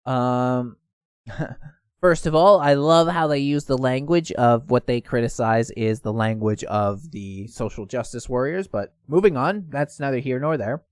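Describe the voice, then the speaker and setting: A man's voice: mid-range voice, a little slow, clean tone, no room sound, studio quality. A man hosting casual online news commentary, reading posts aloud and stumbling now and then. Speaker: host.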